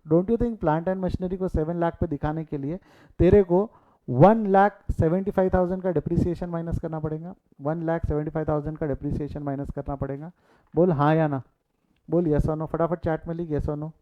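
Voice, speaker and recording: In a live online accounting class, a man with a fairly high, fairly even voice speaks at a normal pace. He mixes in English terms, repeats the key figures, and keeps urging students to reply in the chat. The audio sounds tinny, like a phone.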